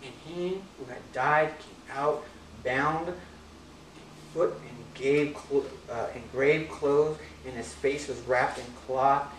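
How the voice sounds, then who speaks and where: A preacher giving a casual, joking sermon in a church hall, reading scripture slowly in between. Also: mid-range voice, a little hiss or hum. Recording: echoey room from far off.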